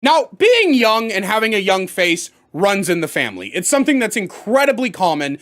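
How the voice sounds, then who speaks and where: Man, 30s, comedic storyteller, lively pitch, crude, loud bursts. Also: moderate pace. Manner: animated, swings to loud outbursts. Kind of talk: profane comedic storytime rant.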